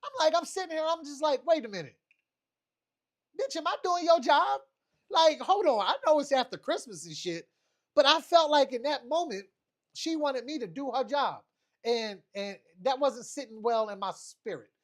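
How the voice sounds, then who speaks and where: A man livestreaming a casual storytime rant, animated and profane, repeating phrases for emphasis. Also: extremely high pitch, normal speed. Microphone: streaming setup mic.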